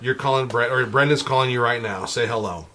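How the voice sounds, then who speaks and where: A man's voice: medium pitch, a little fast, bright, forceful tone, slight background noise. A man hosting a casual podcast, upbeat and steering the show to a close. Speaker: podcast host. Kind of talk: casual chat.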